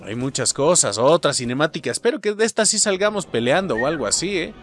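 A young man with a Mexican accent, joking and yelling through a let's play of a video game. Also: fairly high pitch, quick pace. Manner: excitable, jokey, yells at enemies. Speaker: gaming YouTuber.

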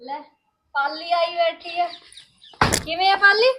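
A woman playing a village wife with a high voice, sarcastic, lecturing, sharp-tongued, family skit acting. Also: slow pace, noisy background. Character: village wife lecturing her sister-in-law.

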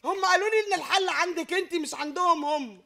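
Wailing older Egyptian woman, very high. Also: fast talker, vocal fry, fairly bright tone. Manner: wailing, accusing, self-pitying. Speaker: prank participant. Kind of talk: heated confrontation.

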